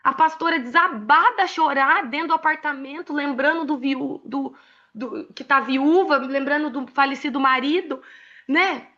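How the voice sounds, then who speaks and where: Bright-voiced Brazilian woman, emotional storyteller. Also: high voice, normal speed, muffled recording. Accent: Brazilian Portuguese. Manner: emotional and expressive, laughs often. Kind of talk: casual mentoring talk with personal stories.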